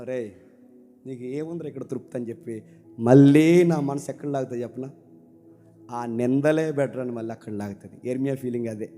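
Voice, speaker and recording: A man preaching a sermon with passion, swinging from loud declaiming to low confiding talk and repeating his phrases for emphasis. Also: long reverb tail.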